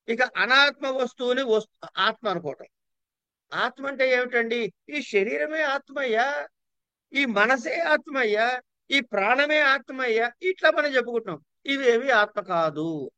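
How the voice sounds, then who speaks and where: High-pitched bright male lecturer. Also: measured pace, clear, resonant tone, no room sound, highs cut off. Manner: asks and answers his own rhetorical questions; lively, acts out everyday voices in quotes. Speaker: teacher of yoga philosophy. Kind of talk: classroom lecture.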